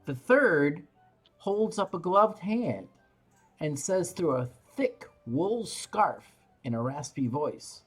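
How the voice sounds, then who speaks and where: A game master narrates a tabletop scene in halting phrases. The pace is slow and the pitch varies widely, over faint music. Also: sing-song, husky. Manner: halting, pausing between phrases.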